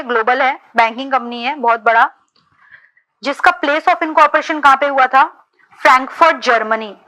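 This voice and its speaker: A woman teacher giving an exam-prep lecture, quizzing her students with quick questions and mixing Hindi with English. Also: high voice, bright, forceful tone, low-quality recording. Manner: repeats "ठीक है" to check understanding.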